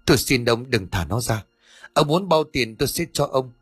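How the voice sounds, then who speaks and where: A man's voice: medium pitch, animated, normal speed, husky, no echo, faint music behind. A male narrator voicing a frightened old sorcerer who begs desperately for mercy. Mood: pleading. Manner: pleading, desperate.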